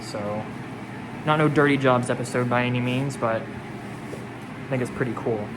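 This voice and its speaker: Loud ventilation noise fills this handheld indoor recording. A man speaks at an average pitch, muffled by a protective mask. He addresses viewers informally as he gives a casual tour of the job. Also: measured pace. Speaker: vlogger showing a mold remediation job. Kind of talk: casual walkthrough vlog narration. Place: indoors at a house under mold cleanup. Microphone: handheld camera, later on selfie stick. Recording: very noisy handheld recording, loud machinery hum. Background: loud air scrubber and ventilation noise.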